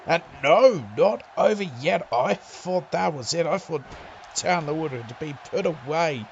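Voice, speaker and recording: A man doing excitable play-by-play wrestling commentary, breaking into loud exclamations. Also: on the high side, a little slow, vocal fry, muffled recording, slight background noise.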